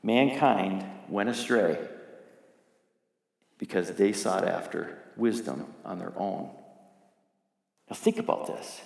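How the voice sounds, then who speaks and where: A man's voice: on the low side, vocal fry. A middle-aged man preaching a sermon as pastor, talking conversationally and putting questions to the congregation. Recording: echoey hall with long reverb.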